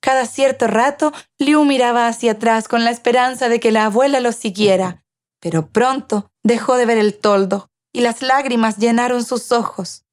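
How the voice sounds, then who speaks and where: A woman reading a children's tale aloud as storyteller, measured and clear. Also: a little high. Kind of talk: scripted narration of a children's tale.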